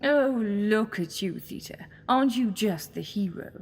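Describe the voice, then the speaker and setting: A woman's voice: mid-range voice, expressive, measured pace, a little mellow. A woman acting in an audio drama as a sly, mocking alien villainess posing as a goddess, theatrical and taunting. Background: music.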